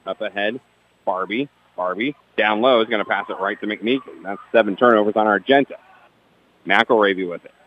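A man's voice: on the low side, highs cut off. Man calling basketball play-by-play. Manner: rapid player-by-player calls, dry asides about the refs. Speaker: play-by-play announcer.

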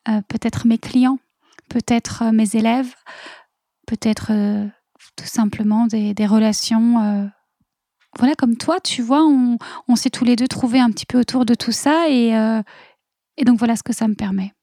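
A woman's voice: a little high, moderate pace, dark tone, no echo, clean studio sound. Reflective woman guest on a podcast. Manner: reflective, searching for words. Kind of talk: casual interview chat.

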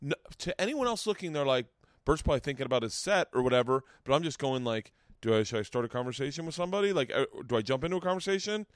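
A man of middle pitch hosts a podcast and talks in a candid, rambling, self-deprecating way. His voice is dry and close to the mic. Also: expressive, very fast, dry recording. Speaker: podcast host and comedian. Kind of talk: casual podcast chat. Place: home studio man cave.

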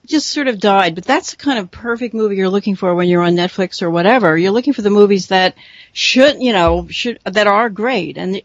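Gravelly guy hosting, chatty, stops and restarts a lot, dull dry lo-fi sound. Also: high-pitched, no room sound. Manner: chatty, halting, asks questions. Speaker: host. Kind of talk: casual podcast chat.

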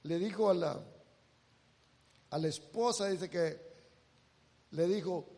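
A man's voice: high voice, slow pace, dark tone, long reverb tail. A male preacher delivering a sermon, emphatic and repetitive, urging his listeners again and again to look. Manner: emphatic, repeats "look, look" to the congregation.

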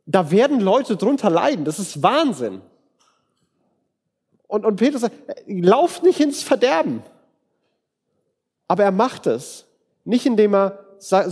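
A man's voice: high voice, a little mellow. A man preaching a conversational sermon, earnest and direct, speaking straight to his listeners. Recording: long hall reverb.

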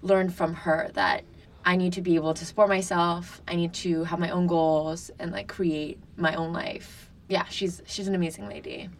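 A woman's voice: lowish voice, level tone, normal speed, far from the mic, slight background noise. A woman in her twenties from France, a podcast guest talking candidly and casually, full of "like" fillers. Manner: chatty, frequent "like" fillers, candid. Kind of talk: casual interview talk.

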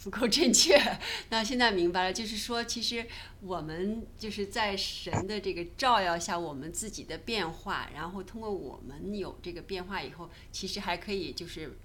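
A woman's voice: mid-range voice, moderate pace, a bit bright, slight background noise. Woman from China, guest, hesitant, many fillers, casual Bible chat. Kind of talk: casual Bible study discussion.

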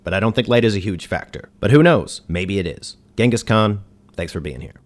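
An actor playing a dry, exasperated ghost who hosts a radio show, speaking in a deadpan, wry way. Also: male voice, on the low side, brisk, natural voice. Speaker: host. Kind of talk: comedy radio sketch.

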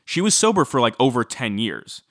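A man's voice: mid-range voice, a little fast, no room sound, studio quality. A man casually recounting a true-crime story as podcast co-host, chatty with many fillers. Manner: chatty, filler-heavy, animated when quoting.

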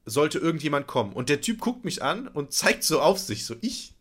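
Slightly high and a little rough, his voice moves at a moderate pace. He's sharing an anecdote on a podcast he co-hosts, animated and acting out how he reacted, laughing throughout.

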